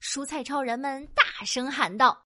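A woman narrating a children's audio story in a playful, animated way with sound-effect words. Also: high voice, moderate pace, no echo, clean studio sound.

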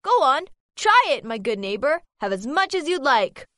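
A greedy, scheming fox in a children's storybook, all flattery and sweet talk, acted by a woman. The voice is high and bright, leaping up and down. The sound is close and dry. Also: moderate pace, no echo. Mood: fawning. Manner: sweet-talking, wheedling, chuckling to himself. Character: greedy sly male fox, scheming and fawning. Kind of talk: storybook character reading.

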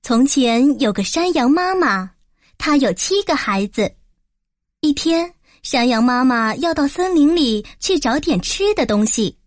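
A woman tells a children's fairy tale in a clear and measured way. Her voice sits high, and the recording is dry and close. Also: expressive, no echo. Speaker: storyteller. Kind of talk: children's story narration.

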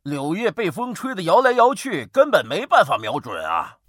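A man voicing an excited young soldier in a children's story, chattering eagerly. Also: high voice, moderate pace, no room sound, clean studio sound, heavily acted. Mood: doubtful.

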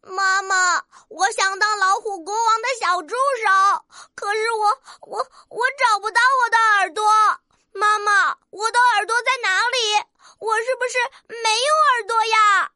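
Casting: woman as a little storybook rooster, very high, very bright, eager and proud. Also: moderate pace, no echo, studio quality, heavily acted. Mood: tearful. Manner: squeaky, childlike and excitable.

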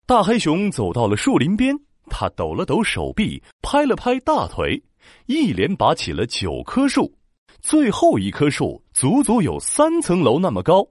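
Guy reading a kids story, super expressive, dry close sound. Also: fairly high pitch, unhurried, dry recording. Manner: animated, expressive. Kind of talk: children's story narration.

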